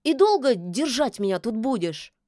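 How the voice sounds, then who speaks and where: A woman voicing a stubborn, sharp-tongued fairy-tale witch who snaps back defiantly. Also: on the high side, big pitch swings, moderate pace, no room sound, studio quality, voice pushed up. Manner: snappy, defiant. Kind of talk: audiobook character voice.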